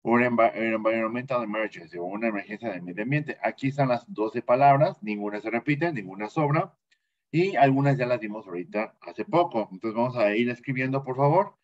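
Bilingual male English teacher, Mexican accent, patient, medium pitch, slightly muffled audio. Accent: Mexican Spanish. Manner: patient, repeats words slowly for students to copy. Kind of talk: bilingual classroom lesson.

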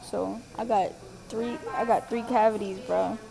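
Gravelly young woman through a face mask. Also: mid-range voice, steady tone, a little slow, crowd noise, rough recording. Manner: slangy, laid-back street talk. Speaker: vlogger. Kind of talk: casual vlog chat. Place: dental office.

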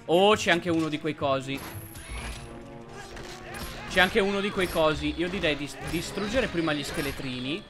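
A man hosting a let's play, commenting on gameplay and yelping excitedly at enemies. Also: fairly high pitch, moderate pace, pauses often, over music. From Italy. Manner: excitable, yelps and shouts at enemies.

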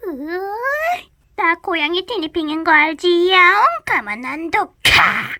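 A woman's voice: extremely high pitch, sing-song, very slow, pitched above the performer's own voice, full character voice. A woman voicing a fierce little cat fairy girl who shrieks, meows and hisses. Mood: furious.

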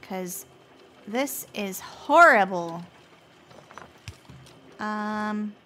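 A woman's voice: medium pitch, animated, sharp tone, a little hiss or hum. A woman co-hosting a game session, chatting casually and getting exasperated at lag. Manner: chatty, slow, easily exasperated. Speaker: co-host and player. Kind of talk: casual gaming chat.

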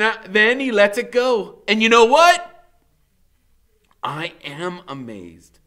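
Here a male teacher from America, in his fifties, performs a first-person story aloud indoors at a classroom whiteboard. The voice is fairly high, bright and forceful, with conversational drama and long, drawn-out stress on key words.

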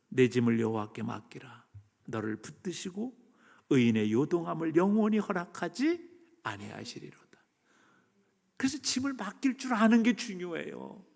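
A man preaching a sermon as pastor, moving between loud emphasis and hushed near-whispers. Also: fairly high pitch, gravelly. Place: church sanctuary. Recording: long church reverb.

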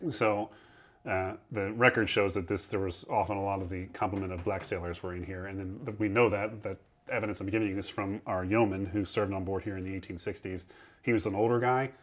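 A man in his thirties guiding a tour below deck on a historic ship, explaining in a chatty way with a lapel mic. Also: lowish voice. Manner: chatty, explanatory, acts out quoted sailors. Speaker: museum ship guide.

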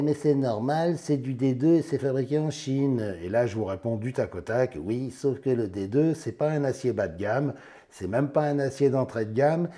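A man with a hoarse, nearly lost voice, hosting a casual knife review in a chatty, joking way. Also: mid-range voice, dark tone. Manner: chatty, jokey, tags lines with "hein". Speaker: knife review channel host.

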